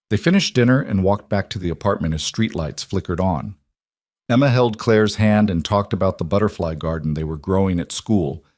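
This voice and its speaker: Low-voiced male story narrator. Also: darkish tone, no room sound, studio quality. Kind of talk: scripted narration.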